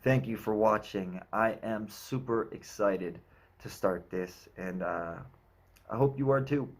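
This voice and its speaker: A man reading his own novel aloud in a steady, measured narration, in short clipped sentences. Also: lowish voice. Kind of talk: audiobook-style narration.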